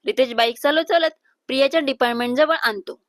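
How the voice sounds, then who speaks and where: A woman narrates a romantic serial story with a high, clear voice. The sound is dry and close, with almost no room around it. She tells it in a steady, even storyteller's way. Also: fast, no echo.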